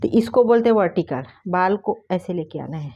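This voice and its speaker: A woman's voice: lowish voice, expressive, moderate pace, muffled recording. A woman giving a casual hands-on hairdressing lesson, chatty and repeating key terms to drive them home. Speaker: hairdressing teacher.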